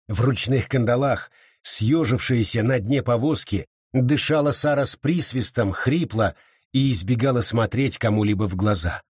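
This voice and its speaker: Male audiobook narrator, husky tone, lively expressive reading, dry close sound. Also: mid-range voice, no room sound. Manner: expressive reading, voices all characters. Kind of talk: scripted narration.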